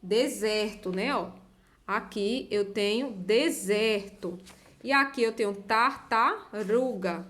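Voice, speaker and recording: A woman teacher patiently walking young pupils through a textbook exercise, repeating words and stretching them out slowly so the children can follow. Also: mid-range voice, fairly bright tone.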